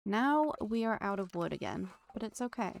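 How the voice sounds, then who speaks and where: A woman's voice: mid-range voice, very animated, normal speed, gravelly, no room sound. A woman streaming a farming game, chatting casually to her viewers and her pets with jokey asides. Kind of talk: casual gameplay commentary.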